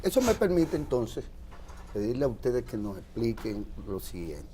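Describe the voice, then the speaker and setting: A Dominican man moderating a panel, asking questions in a measured way with hesitant fillers. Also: medium pitch, big pitch swings, mellow, slight background noise. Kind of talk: panel discussion.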